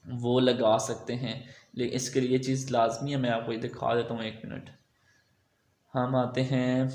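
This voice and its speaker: A man giving a relaxed, thinking-aloud screen-recorded software tutorial, full of okays and fillers. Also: medium pitch, reverberant. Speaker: web design tutor.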